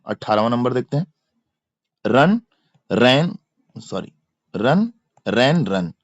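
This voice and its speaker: A man with an Indian accent teaches English grammar for exam preparation, explaining in Hindi and drilling verb forms by chanting them repeatedly and spelling out the letters. His mid-range voice swings widely in pitch and he goes slowly, with a muffled recording and no room sound.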